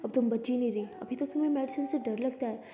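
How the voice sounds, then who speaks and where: A woman's voice: fairly high pitch, quick pace, mellow, natural voice. A woman voicing a stern, bossy mother who scolds and orders her sick old friend to eat. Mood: scolding. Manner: scolding, commanding. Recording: echoey room, long reverb.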